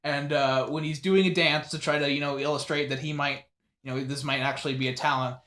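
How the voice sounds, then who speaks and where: A man with a somewhat high voice chatting on a podcast, stumbling through restarts and swearing bluntly. His voice rings around a roomy, echoey space. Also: fairly even intonation, pushed and bright. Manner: halting, many restarts, blunt and profane. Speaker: podcast co-host. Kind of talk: casual chat. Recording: roomy echo.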